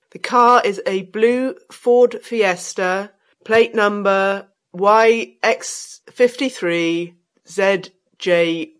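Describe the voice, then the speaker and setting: Brief: female announcer, mid pitch, clear and firm. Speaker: announcer in a listening exercise. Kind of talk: scripted public announcements.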